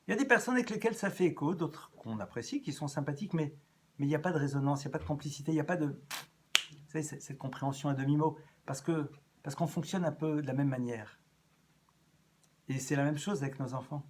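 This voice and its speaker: A man giving an evening lecture as a rabbi, animated, swinging between loud rises and soft drops and repeating phrases as he thinks. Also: on the high side, fast talker, a little hiss or hum. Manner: repeats and restarts phrases as he talks.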